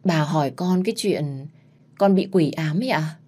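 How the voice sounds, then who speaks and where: Anxious polite young heroine, woman reading her, low warm voice. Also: normal speed, slightly rough.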